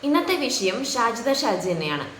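A woman speaks in a firm, lecturing tone as she comments on a video. Her voice sits fairly high. It rings with the echo of a hard-walled room. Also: sing-song, moderate pace, a bit bright, slight background noise. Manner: scolding, lecturing. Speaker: reaction YouTuber. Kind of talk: reaction commentary.

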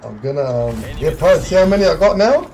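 A man with a slightly high voice talks like a hyped gamer bro during a shooter match. His chat is casual, slangy and sweary. Loud game gunfire and noise run behind him. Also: lively intonation, brisk. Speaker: gaming streamer.

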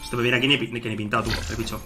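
A man giving excited, shouty team callouts while playing an online game. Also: medium pitch, faint music behind. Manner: rapid, shouty, exclamatory. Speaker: gaming streamer playing with friends.

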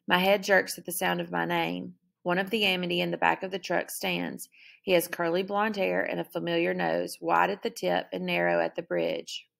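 Gravelly low-voiced woman reading aloud. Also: moderate pace, fairly bright tone. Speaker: audiobook narrator. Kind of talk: first-person novel reading.

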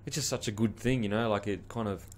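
A man's voice: fairly low pitch, steady tone, fast. A man in his thirties with an Australian accent hosting a podcast interview, chatty and encouraging with casual slang. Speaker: podcast host. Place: small studio with logo backdrop. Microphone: studio mic on boom arm.

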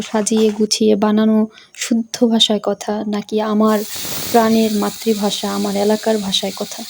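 A woman's voice: mid-range voice, a little mellow, a little hiss or hum. A woman in her thirties chatting casually while she cooks, drifting from careful standard speech into her home dialect. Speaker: cooking vlogger. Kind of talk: casual chat while cooking.

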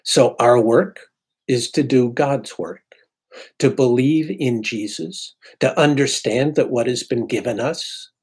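Slow, husky older male priest preaching. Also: mid-range voice, darkish tone. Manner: unhurried, reflective preaching with pauses. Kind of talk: sermon. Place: home study with bookshelves. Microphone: webcam at desk.

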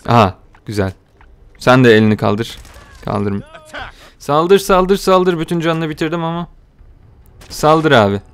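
Young male gaming host, casual and jokey, with a clear, smooth voice. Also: mid-range voice, moderate pace, long pauses. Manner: joking, excitable, calls viewers "abi". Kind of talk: casual gameplay commentary.

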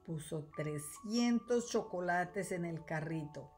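A woman teacher reading a children's storybook aloud, clear and expressive. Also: lowish voice, slow pace, faint music behind. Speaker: third-grade teacher.

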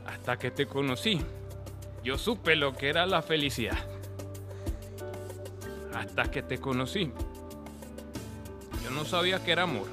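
An actor playing a brash, lovestruck macho suitor in a telenovela, folksy and exuberant. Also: male voice, mid-range voice, a little slow, long pauses, over music, lightly acted. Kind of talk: telenovela acting.

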